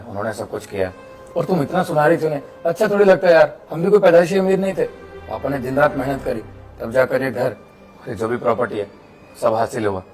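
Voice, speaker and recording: A man playing a gentle, soothing young man. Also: mid-range voice, natural voice. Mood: sad. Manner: pleading, soothing, talks quickly. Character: gentle, kind young man defending a servant. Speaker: actor in a short skit. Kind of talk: melodramatic web skit acting.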